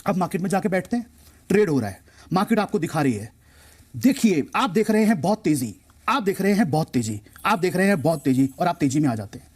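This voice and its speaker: A man with a high-pitched, slightly mellow voice appears on a TV show as a stock market expert. Explaining to the host, he speaks emphatically and repeats key phrases for effect.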